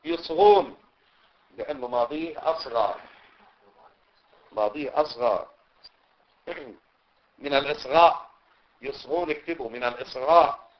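A male teacher, going through a classical text line by line, repeating points and asking his students whether it is clear. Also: mid-range voice, normal speed, long pauses. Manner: repeats points and checks understanding. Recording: dull lo-fi recording.

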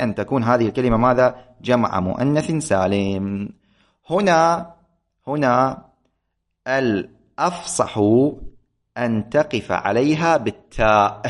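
A middle-aged man with a lilt leads a classroom lecture on grammar. He speaks at an ordinary pitch, patient and methodical, repeating each point and pausing to ask his students whether they follow. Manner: patient, repetitive, checks understanding with questions. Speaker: religious grammar teacher.

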